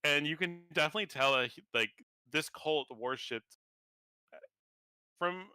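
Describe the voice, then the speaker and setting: A man's voice: fairly high pitch, unhurried, pushed and bright, smooth. A man narrating as game master of a tabletop game, rambling with many fillers and restarts.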